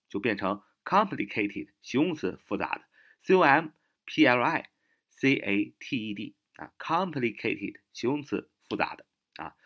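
A man with a fairly low voice gives a spoken vocabulary lesson. He repeats each English word several times and spells it out letter by letter. His explanations are dotted with small filler particles. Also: fairly bright tone. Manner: shifts to English and sounds out words slowly.

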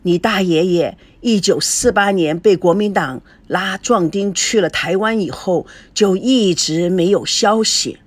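An earnest, reserved old grandfather in an audiobook, read by a woman. His lines are steady and a little lowered, with a breathy, husky edge. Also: a little slow, few pauses, no room sound.

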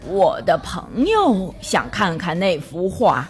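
Storybook old horse, grandfatherly and unsure, drawn-out lowered voice, as a woman puts him on. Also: sing-song, soft background music. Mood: hesitant. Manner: slow and hesitant.

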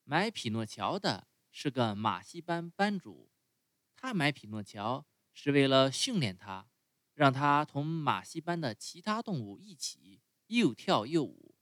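Dad reading a kids story out loud, lively tone, dry close sound. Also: male voice, mid-range voice, unhurried, dry recording. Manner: expressive, speaks to the children directly. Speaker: parent reading a bedtime story.

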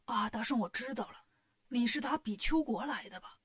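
A woman voicing a timid old male earth god in a storybook tale, speaking softly, low and deferentially. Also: expressive, normal speed, no echo, clean studio sound. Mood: pleading.

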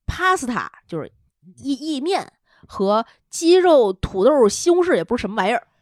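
Lively high-voiced woman telling a story. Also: moderate pace, dry recording, clean studio sound. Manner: animated, laughing storyteller acting out quotes. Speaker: podcast co-host. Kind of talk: casual storytelling chat.

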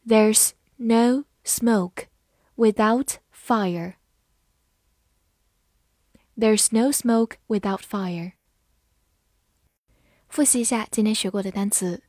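Slow, careful woman teaching vocabulary. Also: mid-range voice, mellow, dry recording, clean studio sound. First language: Mandarin Chinese. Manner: slow deliberate reading, spells words letter by letter. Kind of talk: scripted vocabulary lesson.

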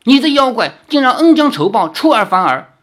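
A reader voicing a bold young male swordsman hero in an audiobook, speaking in a sharp, urgent way. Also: mid-range voice, sing-song, brisk, husky. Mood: defiant.

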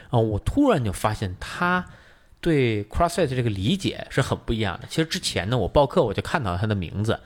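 Fast-talking man explaining at length. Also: medium pitch, big pitch swings. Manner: rapid, explanatory, many fillers. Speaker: podcast co-host. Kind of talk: casual chat.

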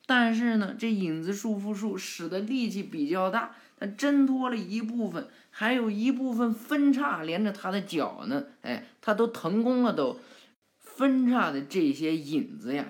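A woman casually retelling a cartoon episode, lively with many interjections and sound effects. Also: fairly low pitch. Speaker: storyteller.

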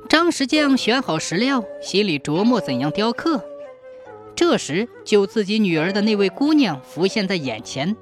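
Lively folk-tale narrator, faint instrumental bed. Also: mid-range voice, normal speed, over music. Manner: dramatic, expressive. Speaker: storyteller.

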